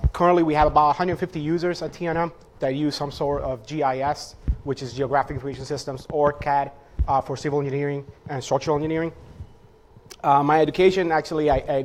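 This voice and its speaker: A man's voice: a little high, a little hiss or hum. Man with a Dominican-New York accent. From Dominican Republic, raised in New York. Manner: earnest, rambling with many restarts. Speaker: guest speaker, CAD and GIS manager. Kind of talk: classroom guest talk.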